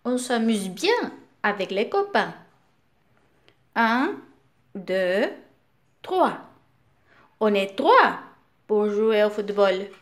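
Animated woman reading to small children. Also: mid-range voice. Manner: slow, animated, sing-song storytelling. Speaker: teacher reading to young children. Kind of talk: read-aloud children's story.

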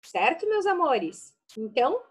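A woman teacher with a Brazilian Portuguese accent, giving an early-literacy lesson to young children in slow, affectionate teacher talk, sounding out words syllable by syllable. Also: high voice, very animated.

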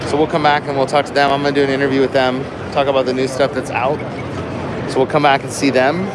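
A man hosting a live walkthrough vlog, chatty and easily excited, commenting as he walks a big busy expo floor. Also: medium pitch, fast talker, noisy background. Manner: excitable, chatty, lots of "so" and "cool". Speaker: vlog host.

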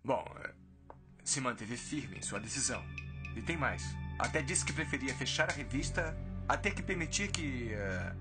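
A man's voice: medium pitch, expressive, normal speed, music in the background, close to an everyday voice. An actor playing an earnest adult son and executive in a dubbed telenovela, explaining matters to his father.

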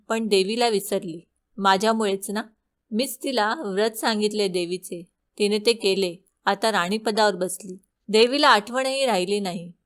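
Storybook voice of a bitter old woman, put on by a female narrator. She scolds in steady, indignant sentences, at a middling pitch with only a light change from the teller's own voice. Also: natural voice.

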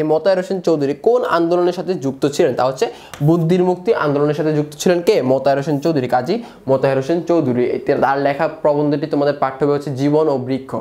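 A young male tutor talks through exam questions in a fairly high voice. He keeps asking "what?" and then repeats each answer slowly, checking that everyone follows. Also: darkish tone. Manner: repeats answers, asks rhetorical questions, calls students brother. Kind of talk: online class lesson.

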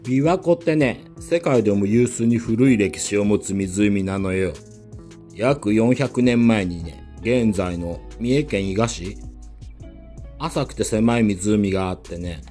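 A fishing vlogger, a man with a voice on the low side, chats casually while fishing from a lakeside pier outdoors. He speaks in a soft, feminine manner, and a worn action camera captures the audio.

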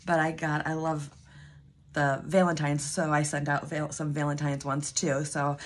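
Her voice sits low and level, a little slow, with a slight hiss or hum in the audio. She's a woman in her thirties chatting at home for a budgeting vlog, hoarse from losing her voice and rambling with ums and restarts.

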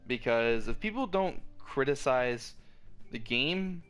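A man's voice: medium pitch, expressive, slow, a bit bright, clear, resonant tone. Frustrated man ranting, voice cracking. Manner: frustrated, profane ranting with frequent restarts. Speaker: video game commentator. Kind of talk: solo rant video. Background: faint background music.

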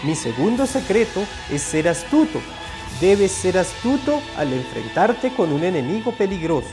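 A man voicing a wise, sly old grandfather toad in a storybook, speaking slowly and calmly. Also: sits high, over music.

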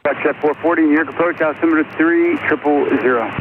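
Fast-talking controller over crackly radio. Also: male voice, fairly high pitch, fairly even intonation. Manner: brisk, rattles off clearances. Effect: heard over a crackly two-way aviation radio. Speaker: air traffic controller. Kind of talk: clipped radio phraseology. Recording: tinny radio channel with loud static.

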